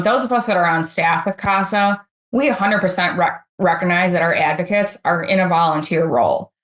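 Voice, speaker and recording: A woman's voice: fairly low pitch, fairly bright tone, reverberant. A middle-aged woman speaking as a podcast guest, talking earnestly and chattily with frequent fillers. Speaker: podcast guest, advocate supervisor. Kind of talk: podcast interview.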